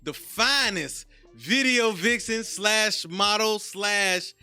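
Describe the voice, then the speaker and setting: Chill thirties guy hosting a podcast, slangy, bright voice, trails off quiet, faint music behind. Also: slow pace, clear, resonant tone. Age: 30s. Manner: laid-back, slangy, trails off softly into low mumbles. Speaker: podcast host. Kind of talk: casual interview chat.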